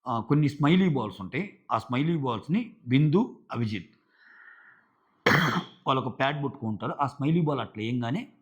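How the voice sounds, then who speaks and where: Male reviewer, casual rambling recap, mid-pitched voice, muffled lo-fi home recording. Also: lively intonation, a little fast, pauses often, husky. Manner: chatty, filler-heavy retelling. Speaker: show reviewer.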